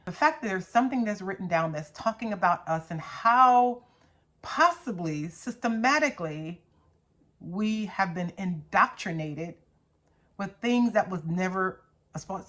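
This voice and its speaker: Low-pitched yet fairly bright, this middle-aged woman's voice carries an earnest, emphatic message on her faith teaching channel. Though she addresses the camera casually, she tends toward preaching, repeating herself and posing rhetorical questions.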